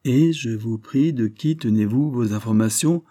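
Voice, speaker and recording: A man playing a mocking Victorian gentleman. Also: mid-range voice, measured pace, pitched above the performer's own voice, close to an everyday voice. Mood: teasing. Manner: teasing, jocular.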